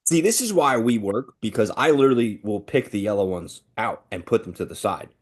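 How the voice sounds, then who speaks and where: An upbeat man co-hosts a sports podcast. His voice is fairly low, and it jumps up when he gets excited. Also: brisk, breathy edge. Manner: eager and upbeat, rising excitedly. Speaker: podcast co-host. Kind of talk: casual sports podcast chat.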